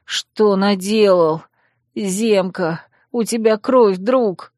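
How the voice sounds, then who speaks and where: Woman doing a young male fox shapeshifter prince, hoarse, whiny, hot-headed. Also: medium pitch, very slow, darkish tone, dry recording, clean studio sound. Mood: whining. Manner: hoarse, whiny when upset.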